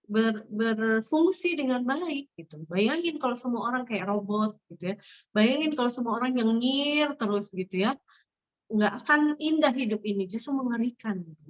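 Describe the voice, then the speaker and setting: A woman's voice: a little high, muffled recording. A woman with an Indonesian accent giving an informal religious study talk to a migrant group, chatty, asking her listeners questions and laughing often. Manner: chatty and warm, asks the audience, laughs often.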